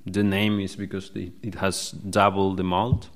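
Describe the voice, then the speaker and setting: Low-voiced man explaining beer. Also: little pitch movement, a little slow. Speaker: podcast guest. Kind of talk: casual chat. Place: indoor room, drinking beer with the host.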